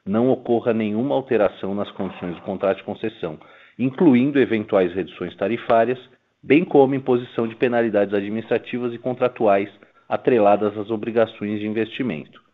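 A man's voice: lowish voice, fairly quick. A Brazilian man, a finance executive, giving a prepared earnings presentation in a formal, businesslike way. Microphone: telephone conference call. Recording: tinny, narrow phone line.

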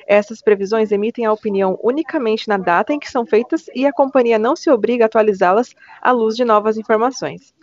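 A woman's voice: fairly high pitch, fast talker, few pauses, darkish tone. A woman with a Brazilian accent reads a scripted announcement as a conference call operator, in a formal, polite customer service voice. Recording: dull, lo-fi phone conference line.

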